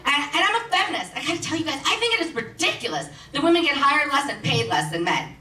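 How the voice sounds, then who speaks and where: A woman's voice: sits high, big pitch swings, bright, forceful tone. A woman from Miami doing a brash, sarcastic stand-up comedy set on a theater stage. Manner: brash, sarcastic, quick punchlines. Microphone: stage microphone. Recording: distant roomy theater mic, audience noise.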